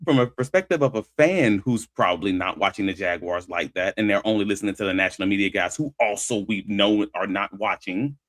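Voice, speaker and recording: A male sports talk host with a slightly low voice and a very dry sound. He talks through his analysis conversationally, pressing his argument on key points. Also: fairly quick, few pauses, fairly bright tone, no echo.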